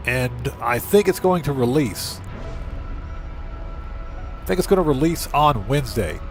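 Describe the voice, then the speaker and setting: With faint music underneath, a livestream host speaks in an expressive, mid-range voice at a measured pace. He casually narrates a video game, chatting and thinking aloud for his viewers.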